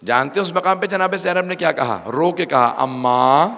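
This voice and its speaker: Gravelly male preacher in an echoey hall. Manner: slow, emotional storytelling with quiet lows and loud outbursts. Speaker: Shia preacher. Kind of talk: mourning majlis sermon. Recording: echoey hall with faint background noise.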